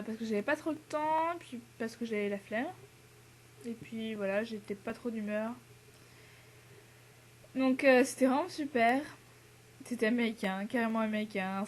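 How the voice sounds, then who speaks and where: A woman's voice: medium pitch, a little mellow, a little hiss or hum. A teenage girl from France, an exchange student, chatting casually to the camera with lots of fillers, laughs and English words mixed in. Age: teens.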